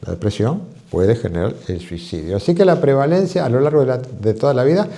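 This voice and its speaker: A man with a Uruguayan accent, a physician giving a televised health talk, who keeps asking rhetorical questions and tells lively stories. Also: medium pitch, fairly quick, gravelly. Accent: Uruguayan Spanish.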